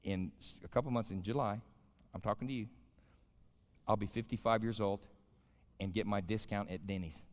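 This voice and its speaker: Speaking to an audience in a big indoor chapel, a fifty-something American guest pastor tells stories, poses questions, and preaches in a colloquial, folksy way. His lowish voice is a little mellow, moving at normal speed with long pauses. The live room rings with long reverb.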